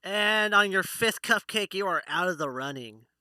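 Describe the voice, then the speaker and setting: A man's voice: sits high, expressive, moderate pace, bright, forceful tone, clean tone, no echo. A man narrating a tabletop role-playing game as its playful game master.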